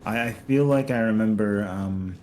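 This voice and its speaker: A man's voice: fairly low pitch, moderate pace, a little mellow, slight background noise, poor audio. A man streaming a co-op game, chatting casually and telling a rambling story full of "like" and "um". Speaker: streamer playing co-op. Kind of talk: casual gaming chat.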